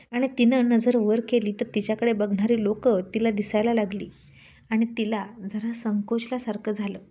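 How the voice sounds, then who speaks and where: A woman narrates a serialized story in a plain, conversational storytelling manner. Her voice sits fairly high. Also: dark tone.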